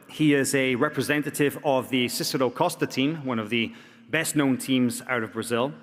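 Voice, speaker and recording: A man hosting a press conference, introducing athletes in a brisk, joking, promotional way. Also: mid-range voice. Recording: echoey hall reverb.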